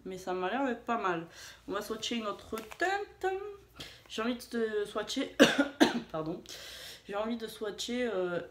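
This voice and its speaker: A woman chatting casually in a beauty vlog, hesitant, with many fillers and restarts, poking fun at herself. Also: mid-range voice. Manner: chatty, self-deprecating. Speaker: beauty vlogger. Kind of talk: casual haul and swatch video. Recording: echoey room.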